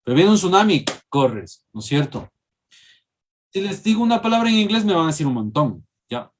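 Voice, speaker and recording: A man's voice: on the high side, very animated, normal speed, a little hiss or hum. A man, lecturing a class and checking in with students by asking questions. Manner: engaging, questions students often, tags with "¿sí?". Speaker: teacher.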